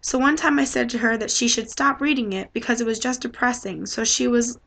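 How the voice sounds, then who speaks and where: A woman reading a passage from a novel aloud, then sharing her thoughts on it, in a plain, unhurried conversational tone. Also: a little high, fairly bright tone. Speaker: student reader.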